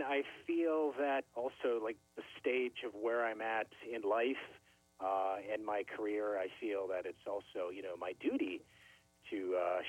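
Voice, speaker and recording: A man's voice: on the low side, no room sound. A middle-aged man from Canada, a record label owner, talking casually as an interview guest, friendly and full of fillers. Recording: tinny phone line, dry.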